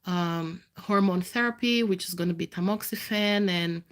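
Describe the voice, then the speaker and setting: A woman's voice: fairly low pitch, normal speed. A woman in her thirties with a nasal, congested voice, chatting candidly to viewers in a live video update. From Canada. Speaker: vlogger.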